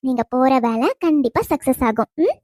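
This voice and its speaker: Calm, teasing young wife, voiced by a woman, very high and bright, dry studio read. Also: normal speed, no room sound. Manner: gentle, soothing, teasing. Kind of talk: cartoon storytelling narration.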